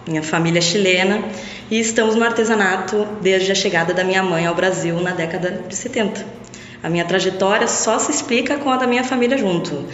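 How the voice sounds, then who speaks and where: A woman's voice: medium pitch, a little fast, slight background noise. Young woman guest in an echoey room. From Brazil. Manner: reflective, with frequent tag questions. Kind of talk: casual interview talk. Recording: echoey long-reverb lo-fi room.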